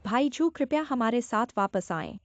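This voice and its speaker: A woman's voice: on the high side, animated, normal speed, dry recording. A woman voicing an anxious young woman in a dubbed TV drama, earnest and pleading. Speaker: dub actor. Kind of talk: Hindi dub of a Chinese TV drama. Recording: dry, dull dub track with music.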